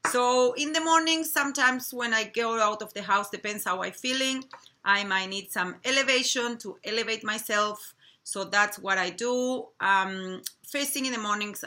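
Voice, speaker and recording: A woman with a Chilean Spanish accent talks casually and haltingly, stumbling now and then over words. Her voice is bright and clear. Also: mid-range voice. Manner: warm, halting, with small slips and restarts. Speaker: co-host. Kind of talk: casual product chat.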